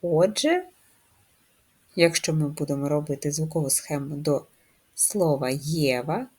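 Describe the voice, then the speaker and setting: A woman's voice: low voice, lively intonation, darkish tone. A woman teaching a first-grade handwriting lesson, giving patient, carefully spelled-out instructions to children. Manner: slow, patient, clearly articulated instructions.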